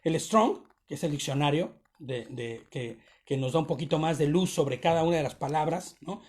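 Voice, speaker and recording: A man's voice: a little high, normal speed, a little mellow. A man giving a conversational sermon on a Torah portion to his congregation, often checking in with short tag questions. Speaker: congregation teacher.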